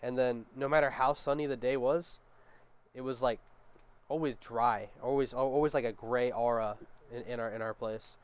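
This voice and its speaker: Young man, podcast host, rambling casual storyteller, smooth clear voice, dull lo-fi sound. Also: medium pitch, fairly even intonation, moderate pace. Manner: rambling storyteller, many fillers like "like" and "dude". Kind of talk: casual chat. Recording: muffled lo-fi mic.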